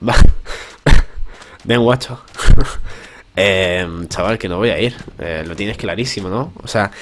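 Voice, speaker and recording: A young man from giving excited, tense gameplay commentary and repeating words rapidly. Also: low voice. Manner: tense, repeats words fast under pressure. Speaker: gaming youtuber.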